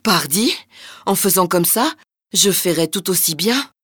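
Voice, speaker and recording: A woman's voice: fairly low pitch, expressive, measured pace, a bit bright, breathy edge, no room sound, clean studio sound, full character voice. Woman doing a boastful, pompous master blacksmith. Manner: pompous, bragging.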